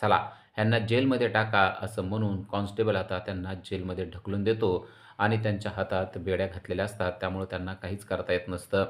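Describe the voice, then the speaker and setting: A man tells a TV serial episode as a dramatic recap voice-over. His voice sits fairly low, and he tells the scenes as a story. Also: level tone, fast.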